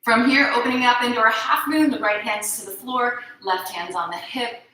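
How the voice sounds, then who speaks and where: A woman yoga instructor guiding a class through poses, giving calm, encouraging cues and often checking in with "right?". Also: fairly high pitch, moderate pace, slight background noise. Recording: very echoey room.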